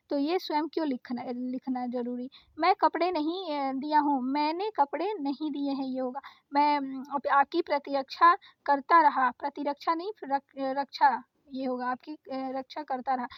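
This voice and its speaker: A woman teacher with a high voice walks her students through sentence corrections for an exam. She reads each mistake aloud and fixes it patiently, with frequent self-corrections. The recording is dry and slightly dull, with no room sound. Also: no room sound. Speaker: Hindi grammar teacher. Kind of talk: exam-prep grammar lesson.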